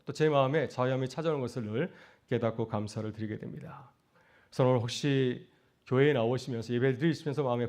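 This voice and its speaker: A man's voice: medium pitch, a little mellow. A middle-aged man, a pastor, preaching a sermon earnestly, asking rhetorical questions and rising to emphatic peaks.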